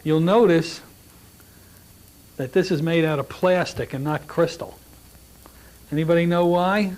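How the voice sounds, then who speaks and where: A middle-aged man teaching a hypnosis class, relaxed and joking, with frequent restarts as he talks to the room. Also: on the high side, a little slow. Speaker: hypnosis instructor. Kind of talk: classroom lecture with demonstrations.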